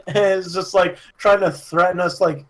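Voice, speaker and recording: A high-pitched young man rambles through a story on a casual podcast, laughing and swearing as he goes. He breaks into loud impressions of someone yelling, then drops back into easy chat. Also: measured pace. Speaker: podcast co-host.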